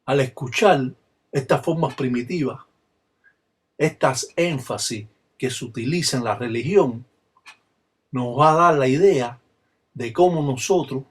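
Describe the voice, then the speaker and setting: An older Cuban man speaks as a religious elder, solemn and insistent, his voice husky and slightly rough. He teaches in measured phrases and slips into rhythmic chanted call-and-response lines. His pitch sits in a middle range for a man. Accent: Cuban Spanish. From Cuba.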